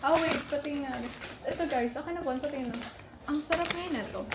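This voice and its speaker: A young woman, chatting excitably to viewers in a casual travel vlog. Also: high-pitched, fast. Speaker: travel vlogger. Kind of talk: casual vlog chat to camera. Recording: loud background music and crowd noise.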